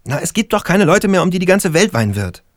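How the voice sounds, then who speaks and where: A man reading an audiobook, voicing a crude, excitable young stoner who works as a stonemason and speaks in a blustery way. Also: high voice, quick pace, no room sound, studio quality, voice pushed up. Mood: excited. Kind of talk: audiobook character voice.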